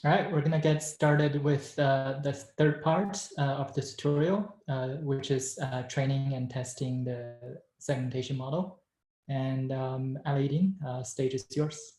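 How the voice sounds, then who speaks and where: A man's voice: medium pitch, fairly even intonation, unhurried, a little mellow, reverberant. A man hosting an online tutorial session, making announcements to attendees. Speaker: session host.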